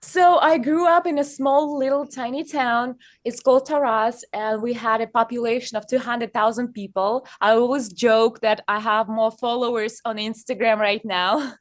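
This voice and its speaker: Halting woman. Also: on the high side, fairly even intonation. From Kazakhstan. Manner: halting, many fillers and restarts. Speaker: guest. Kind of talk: casual interview on stage.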